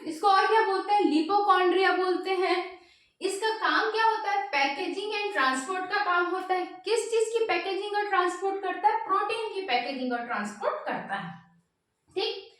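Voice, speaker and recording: A woman's voice: very high-pitched, expressive, brisk, fairly bright tone. A woman teaching biology for exam prep, asking questions and answering them herself. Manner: repeats "ठीक है" often. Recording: very echoey room.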